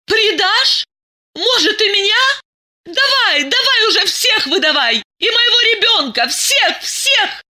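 A woman doing a shrill, hysterical jealous woman. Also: moderate pace, pushed and bright. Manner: shrieking, accusing. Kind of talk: dramatic audiobook reading.

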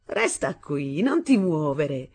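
A woman reading aloud voices a brash young husband who mocks and threatens his bride in loud bursts. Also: sits low, sing-song, takes it slowly, husky, heavily acted. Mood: mocking. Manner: mocking, menacing, loud bursts.

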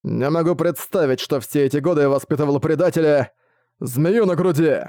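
A man's voice: fairly high pitch, normal speed, dark tone, no echo, studio quality, close to an everyday voice. A man voicing a stern elderly sect master who is coldly contemptuous and mocking. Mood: cold anger.

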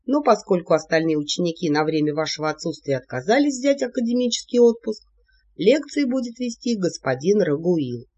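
Smooth sarcastic-polite prince, husky, kinda muffled recording , as the narrator does him. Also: medium pitch, big pitch swings, brisk, darkish tone. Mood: courteous. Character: suave, mockingly courteous male prince. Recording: dull lo-fi audiobook recording.

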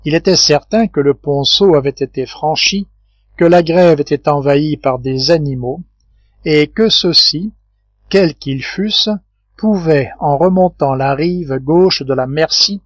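A man reading a classic adventure novel aloud in a measured, steady narration. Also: on the high side, dry recording, dull audio. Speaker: audiobook reader. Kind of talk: scripted narration.

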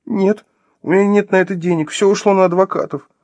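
Man doing a shrill sobbing young woman. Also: expressive, a little slow, slightly rough, dry recording, lo-fi sound, exaggerated voice. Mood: whimpering. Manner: shrill, pleading, tearful.

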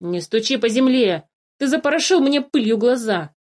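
A woman's voice: on the high side, lively intonation, moderate pace, darkish tone, voice pushed up. A woman voicing a small, sly male forest changeling who chatters cheerfully and wheedles without guilt. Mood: sly insistent. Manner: chirpy, wheedling, unbothered.

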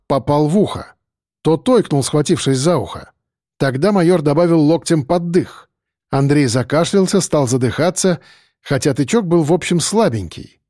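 Man narrating a story, expressive. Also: fairly high pitch, no echo, studio quality. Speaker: audiobook narrator. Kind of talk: scripted narration.

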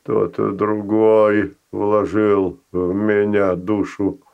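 A man voicing an ancient, gentle male ice golem who speaks faintly, slowly and haltingly, in a storybook reading. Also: fairly low pitch, little pitch movement, vocal fry, clean tone, muffled recording, exaggerated voice. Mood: calm. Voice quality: faint rustling voice. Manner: slow, halting, pauses between words.

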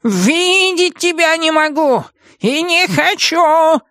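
A woman's voice: high-pitched, expressive, measured pace, fairly bright tone, dry recording, studio quality, voice pushed up. A woman voicing a furious, scolding old witch in an audiobook, shrieking and drawing out her angry words. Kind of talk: audiobook character voice.

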